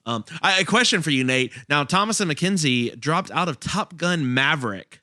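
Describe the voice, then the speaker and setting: A man's voice: on the high side, lively intonation, normal speed, bright, forceful tone, no echo, clean studio sound. A man co-hosting a podcast, reviewing a movie in casual chat, hesitant with many restarts. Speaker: podcast co-host.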